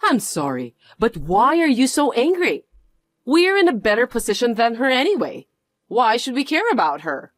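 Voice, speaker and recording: A woman's voice: fairly high pitch, big pitch swings, normal speed, dry recording, studio quality. A woman voicing a sneering rich snob. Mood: dismissive. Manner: sneering, condescending. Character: snobbish rich woman, mocking and boastful. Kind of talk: dubbed drama dialogue.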